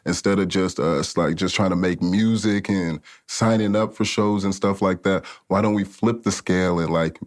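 Deep-voiced and talking at a normal speed with hardly any pauses, a studio owner from Africa in his late twenties shares his story on a podcast. He's relaxed and rambling, full of slang and fillers.

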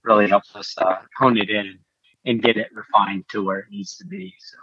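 Low man over a muffled computer call. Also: expressive, a little fast, bright, forceful tone, breathy edge, no room sound. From Southeastern United States. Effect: heard over a computer call. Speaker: podcast guest, gear product manager. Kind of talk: casual interview chat. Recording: dull lo-fi computer call audio, dry.

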